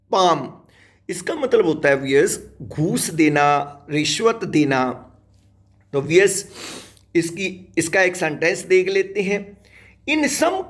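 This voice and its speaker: A man leads a slow English lesson in a fairly high voice. He spells each word out letter by letter and speaks warmly to his students as "dear children.". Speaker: English teacher.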